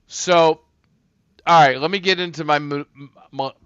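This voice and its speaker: A man's voice: on the high side, steady tone, measured pace, fairly bright tone, clean tone, no room sound, highs cut off. A man hosting a casual livestream, rambling and a bit tipsy from a couple of beers, talking loosely and swearing to his chat. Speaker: livestream host.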